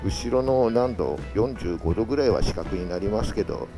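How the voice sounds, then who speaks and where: A man's voice: lowish voice, animated, moderate pace, music in the background. A man chatting casually as a solo motovlogger, talking from inside a full-face motorcycle helmet into an action-camera mic. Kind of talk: casual solo vlog chat while riding. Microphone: action camera with external mic adapter.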